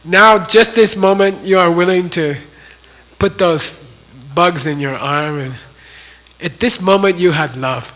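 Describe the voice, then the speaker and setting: Man doing a calm holy teacher, kinda scolding, higher voice. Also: measured pace. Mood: chiding. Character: calm, gently scolding male divine teacher.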